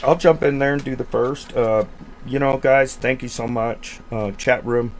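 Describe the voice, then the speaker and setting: A man on a livestream panel who does ministry work, talking slowly and easily, clearing his throat now and then. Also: mid-range voice, steady tone, slight background noise. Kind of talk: casual livestream panel talk.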